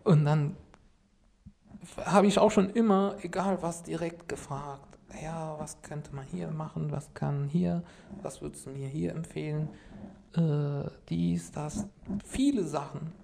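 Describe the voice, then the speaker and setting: An Arabic-speaking man from Syria, unhurried and mellow, recounts his story as a podcast guest in casual, meandering fashion. His slightly high voice carries vocal fry, and he fills it with restarts, fillers and a "sag ich mal" habit, over slight background noise.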